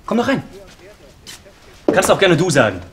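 A man's voice: high voice, big pitch swings, moderate pace, background noise. An actor playing an agitated, pleading, impatient man at his wits' end in a naturalistic short film. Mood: forced friendliness. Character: frantic, exasperated jobless man caught in a repeating time loop. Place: indoor living room.

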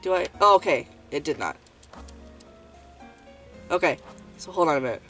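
A young woman who hosts a gaming channel chats casually through a let's-play from a room at home, her deep, animated, fairly bright voice stuffy and sniffly from a lingering cold. At a moderate pace she rambles, restarts, and fills pauses with ums, while faint game music plays underneath.

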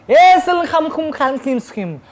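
A woman's voice: high voice, big pitch swings, slow, darkish tone, voice pushed up, heavily acted. A woman voicing a kindly sorceress who chants spells in a sing-song way. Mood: chanting.

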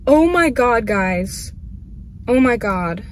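A woman's voice: on the high side, lively intonation, slow, slight background noise. A young woman vlogging casually, chatty and gushing, with many fillers. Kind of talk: casual unboxing vlog.

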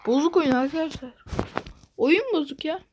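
A woman hosting her gaming channel, commenting on gameplay in an excitable way and repeating phrases over and over. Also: high voice, normal speed, a little hiss or hum.

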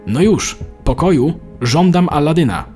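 A man's voice: mid-range voice, lively intonation, brisk, darkish tone, soft background music, lightly acted. A man voicing an anxious, irritable middle-aged father in a storybook reading. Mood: angry. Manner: irritable, commanding. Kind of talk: storybook narration.

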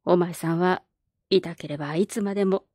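Storybook role: gruff, blunt old man, read by a woman, lowered voice. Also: steady tone, moderate pace, a little mellow, no echo, studio quality, natural voice. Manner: gruff, blunt, folksy speech.

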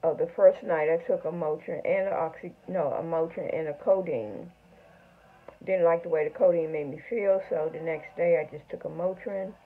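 A middle-aged woman speaking without her front teeth, chatting haltingly to camera in a casual video diary. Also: low-pitched. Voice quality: toothless speech, front teeth missing. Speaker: vlogger. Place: small home room, indoors. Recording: tinny, phone-like narrow sound.

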